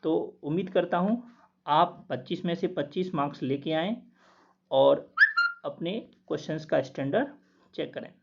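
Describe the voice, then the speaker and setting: A man working through quiz answers as a teacher, steadily repeating each word slowly to explain it. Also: fairly high pitch, gravelly, background noise. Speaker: Hindi test teacher. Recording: dull lo-fi recording.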